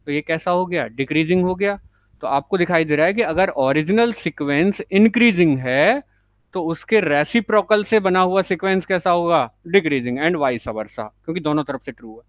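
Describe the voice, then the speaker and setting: High-voiced man teaching maths. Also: no room sound, lo-fi sound. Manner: keeps asking the class short check questions; reads English terms out slowly. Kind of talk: classroom lecture.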